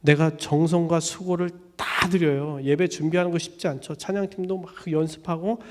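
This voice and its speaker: A man gives a Sunday sermon as pastor, talking casually with plenty of fillers. He acts out quick exchanges with lively energy in a high voice. His words ring out with a long reverb in a church sanctuary. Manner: animated storytelling, acting out little dialogues; casual conversational preaching with many fillers.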